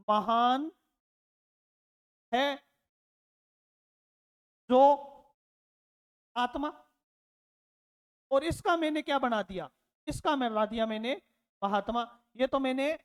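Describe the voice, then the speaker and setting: A man's voice: very high voice, clean tone, big-room sound. A man teaching a lesson, repeating his words and asking rhetorical questions, calling his learners children. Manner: addresses learners fondly as children. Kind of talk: classroom lecture.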